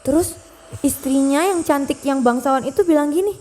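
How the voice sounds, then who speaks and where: A young woman telling a folk tale to her child at home, animated, often stopping to ask the child questions. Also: high voice, normal speed. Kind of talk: bedtime storytelling to a child.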